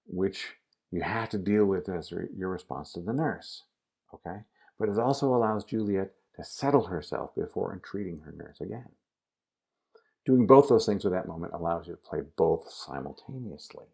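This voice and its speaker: Low gravelly male drama coach, relaxed and instructive. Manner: casual instructive, addresses the student directly. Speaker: acting teacher. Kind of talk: recorded acting lesson.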